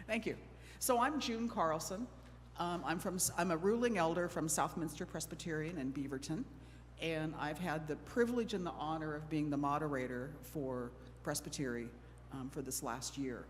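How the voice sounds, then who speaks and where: A middle-aged woman from Oregon, USA moderates a panel in a church hall, sounding chatty and a little anxious as she teases herself and laughs. Her voice sits low at normal speed, with long hall reverb and faint background noise.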